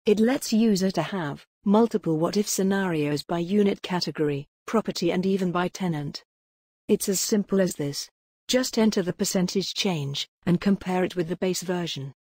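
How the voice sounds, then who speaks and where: A narrator reading a scripted software demo voice-over in an even, measured corporate manner. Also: medium pitch, no room sound, studio quality.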